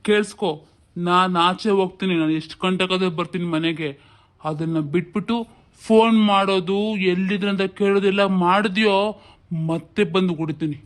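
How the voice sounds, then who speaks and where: A man's voice: high-pitched, fairly even intonation, fairly quick, lightly acted. A man playing a domineering husband who bullies and threatens his wife. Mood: menacing. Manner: bullying, shouting threats and scolding.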